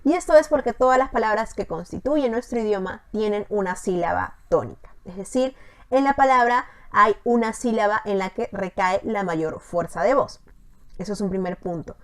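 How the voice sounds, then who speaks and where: A woman teacher explaining spelling rules step by step in an online lesson, often pausing to check with a quick "ok?". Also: mid-range voice.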